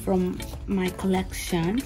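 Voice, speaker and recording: A woman in a casual day-in-my-life vlog, talking into a phone camera with a groggy just-woken voice. She speaks slowly and chats with easy laughs, while loud music plays behind her. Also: lowish voice, level tone. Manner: chatty, switches to Arabic greetings, laughs often. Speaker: professional belly dancer vlogging her day. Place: car, then changing room.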